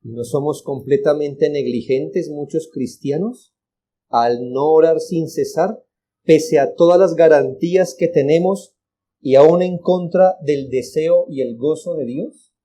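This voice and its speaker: Hombre predicando con voz oscura. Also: male voice, mid-range voice, mellow. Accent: Colombian Spanish. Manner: earnest, exhorting, repeats for emphasis. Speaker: pastor. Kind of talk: sermon.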